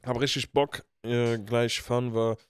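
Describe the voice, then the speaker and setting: A man's voice: medium pitch, level tone, a little slow, smooth, no echo, clean studio sound. A man co-hosting a podcast in casual chat, telling stories in slangy talk and acting out the people he quotes. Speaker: podcast co-host. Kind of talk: casual chat, animated storytelling.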